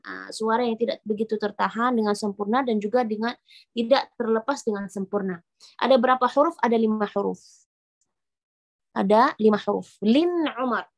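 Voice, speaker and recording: A Quran recitation teacher, a woman with a slightly high voice at a moderate pace, teaches how to pronounce Arabic letters. She explains patiently, repeats each point, and demonstrates the sounds.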